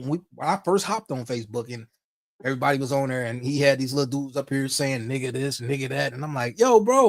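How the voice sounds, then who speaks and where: A man's voice: medium pitch, no echo, studio quality. A man from Ohio in casual conversation, laid-back, swearing freely and trailing off into asides. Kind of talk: casual chat.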